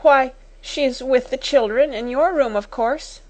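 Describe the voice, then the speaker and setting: A woman's voice: medium pitch, animated, normal speed, lightly acted. A woman voicing a timid, tearful, bewildered meek sister in a storybook, anxious and stammering. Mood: alarmed, bewildered. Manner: stammering, anxious, breathy panting.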